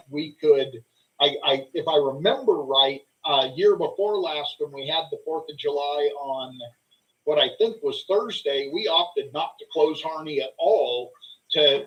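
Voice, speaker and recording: A man with a slightly high voice talks through plans at a meeting, pausing and restarting as he explains. His delivery is hesitant, and the audio is a little dull and lo-fi. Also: fairly bright tone. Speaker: fair board meeting participant, organizer. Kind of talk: informal meeting discussion. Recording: muffled, low-fidelity meeting audio.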